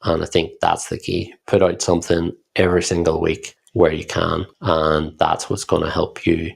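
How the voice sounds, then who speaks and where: A man with a Northern Irish accent talks through his experience in a relaxed, explanatory podcast style. His voice sits low and carries a gravelly texture. The delivery stays level, with little rise and fall. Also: moderate pace. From Northern Ireland. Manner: reflective, explanatory, steady. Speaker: podcast co-host, founder. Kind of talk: casual podcast conversation.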